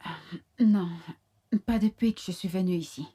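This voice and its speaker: A woman dubbing a young new mother with a soft, hesitant manner. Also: medium pitch, normal speed, slightly rough, close to an everyday voice. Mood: subdued. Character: young new mother, fearful then tender.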